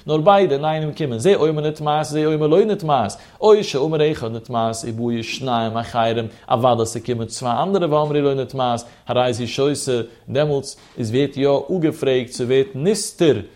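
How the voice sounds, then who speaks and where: A man giving a traditional study-hall Talmud lesson at an ordinary middle pitch. He chants in a sing-song, swinging up high and then sinking low. He talks it through aloud, posing questions and answering them himself. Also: normal speed, few pauses, darkish tone. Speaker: Talmud teacher.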